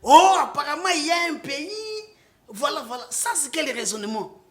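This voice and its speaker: A man's voice: extremely high pitch, lively intonation, normal speed. Congolese-accented male political guest; impassioned, emphatic, swings between French and Lingala. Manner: emphatic, rising to loud outbursts, with restarts. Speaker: political guest, party supporter.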